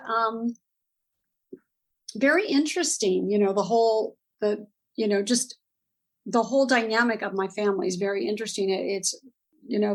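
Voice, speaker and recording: Chatty Californian woman, lightly higher voice. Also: poor audio. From Southern California. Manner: rambling, animated storytelling with laughs. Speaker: guest. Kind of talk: podcast interview.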